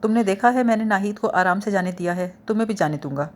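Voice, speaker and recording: A woman voicing a clever young male detective who plays the fool, questioning calmly with a teasing edge. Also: mid-range voice, lightly acted. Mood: probing.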